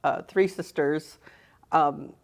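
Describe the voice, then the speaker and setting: A woman's voice: deep voice, slow, gravelly. A middle-aged woman guest, born in the Philippines and raised in Southern California, chatting casually in an interview, laughing easily and trailing off with "you know". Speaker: guest, fashion design instructor.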